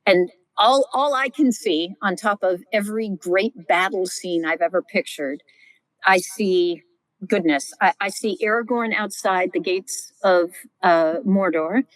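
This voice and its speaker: A middle-aged woman, a scholar and podcast guest, teaching in a lively, vivid storytelling way with frequent exclamations. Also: medium pitch, a little slow, no room sound, poor audio. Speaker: guest Old Testament scholar.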